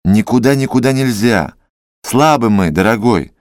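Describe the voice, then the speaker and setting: A man voicing a tired, resigned middle-aged male doctor who speaks quietly in a classic story reading. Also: medium pitch, lively intonation, moderate pace, no echo, clean studio sound, natural voice.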